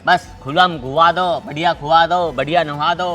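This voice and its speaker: An actor with a Haryanvi accent playing an exasperated older brother who speaks scornfully in rustic dialect. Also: male voice, on the high side, steady tone, moderate pace, bright, forceful tone, soft background music.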